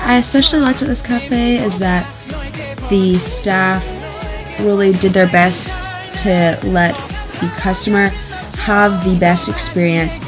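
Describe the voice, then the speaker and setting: A young woman chatting casually in a travel vlog, upbeat and giggly. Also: medium pitch. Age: young adult. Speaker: vlogger.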